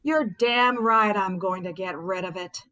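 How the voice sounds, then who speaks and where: A woman's voice: medium pitch, unhurried, sharp tone, rough recording. An actress playing a therapist who rants sarcastically at her husband in a stage monologue. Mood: bitter. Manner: sarcastic, exasperated. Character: bitter wife, a therapist, ranting at her husband. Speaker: stage actor. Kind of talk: theatrical monologue.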